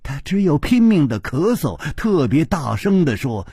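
A man narrating a martial arts tale with dramatic, drawn-out phrasing, recorded close on a studio mic. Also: on the high side, very animated, warm tone, slightly rough, dry recording. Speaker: storyteller. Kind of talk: traditional storytelling narration.

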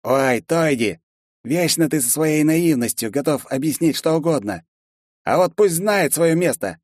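A mocking male lizard guard who snarls his insults at a newcomer, as a man puts him on for an audiobook. The voice sits well above the reader's own and pushes louder. The sound is close and dry. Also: on the high side, expressive, a little slow, no echo, voice pushed up. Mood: scornful.

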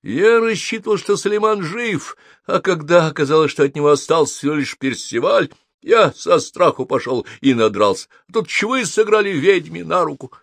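Cowardly wizard yelling orders, animated n dry, man voicing him. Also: on the high side, moderate pace, gravelly, no room sound, pitched above the performer's own voice, heavily acted. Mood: shouting. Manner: shouting, commanding. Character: vain, cowardly young male wizard.

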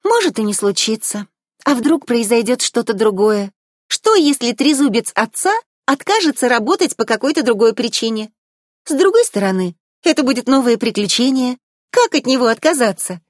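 A woman reading a storybook aloud, voicing a cheerful young mermaid princess in a bright, eager, girlish voice. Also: a little high, sing-song, normal speed, dry recording, studio quality, voice pushed up.

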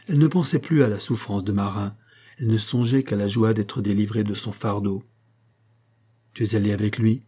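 A man reading a classic novel aloud in measured, unhurried narration. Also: lowish voice, mellow, husky. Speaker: audiobook reader. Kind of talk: literary audiobook narration.

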